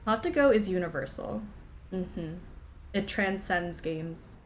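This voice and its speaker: A woman streaming a game, chatting casually with viewers, giggling often and apologizing in quick asides. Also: fairly low pitch, expressive, faint music behind.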